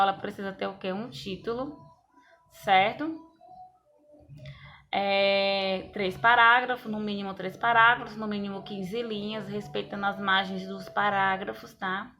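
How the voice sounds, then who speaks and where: A woman's voice: fairly high pitch, sharp tone. A woman, a schoolteacher explaining exercises step by step and checking in with her students. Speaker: school teacher. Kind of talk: recorded class lesson.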